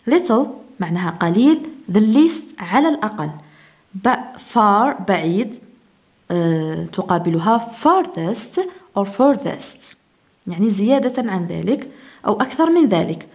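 A woman's voice: medium pitch, big pitch swings, a little slow, darkish tone. A woman English teacher giving an exam review lesson, listing irregular words with their meanings and examples.

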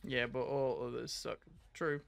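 A man's voice: medium pitch, steady tone, a little slow, vocal fry, a bit bright, slight background noise. A man in his twenties chatting casually and reacting to clips, with sweary, laddish banter. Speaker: streamer reacting to video clips. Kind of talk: casual chat and reaction commentary.

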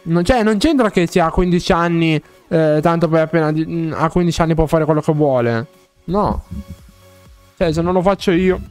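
A man streaming a game live, chatting casually with viewers, excitable and playfully pleading, often laughing. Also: fairly high pitch, moderate pace, smooth, faint music behind.

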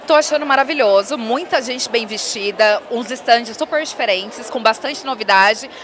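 A woman in her thirties, a professional dominatrix, is a bold, teasing guest in a casual on-location interview at a busy indoor expo hall. Her voice is a little high and fairly bright, at a moderate pace, and she speaks confidently into the interviewer's handheld mic with slight background noise.

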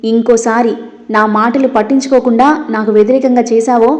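A harsh, domineering older woman who threatens and taunts, voiced by a woman narrating a storybook. The voice sits slightly high but mellow. The recording is roomy and a little dull. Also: steady tone, fairly quick, close to an everyday voice. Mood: angry, taunting.

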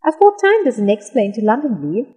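Husky woman reading lesson dialogue. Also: a little high, very animated, dark tone, in a large hall. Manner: slow, careful, clearly enunciated delivery. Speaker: dialogue reader in an English lesson.

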